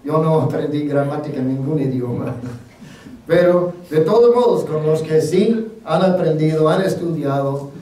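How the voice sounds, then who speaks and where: Male pastor, sermon, slow and homely, slightly high voice, heard at a distance in a very reverberant church. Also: mellow. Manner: unhurried, folksy, self-deprecating, many fillers. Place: church sanctuary. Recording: very echoey church, mic at a distance.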